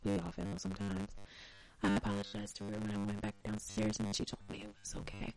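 A young adult man co-hosting a podcast, an expressive storyteller in casual chat. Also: lowish voice, quick pace, soft background music, low-quality recording. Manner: expressive storyteller, acts out quoted voices. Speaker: podcast co-host.

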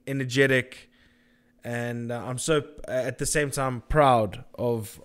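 A male interview host with a mid-range voice keeps the chat casual and jokey. He stumbles over his words and restarts often, and nervous laughs break into his questions. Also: medium pitch.

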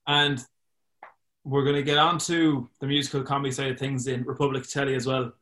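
Male podcast host, 20, Irish accent, average pitch, informal interview delivery. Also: little pitch movement, a little fast, fairly bright tone. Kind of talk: casual interview.

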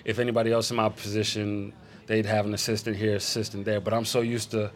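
A man's voice: lowish voice, level tone, fast, slight background noise. A man in his thirties, a photographer guesting on a podcast, talking in a laid-back, rambling way with many fillers. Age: 30s. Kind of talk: casual podcast conversation. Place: event space.

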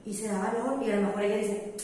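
A woman's voice: mid-range voice, fairly even intonation, fast talker, mellow. A young woman with a Mexican accent, talking in a chatty, reflective way in casual conversation. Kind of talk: casual chat. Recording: roomy echo, far from mic, faint noise.

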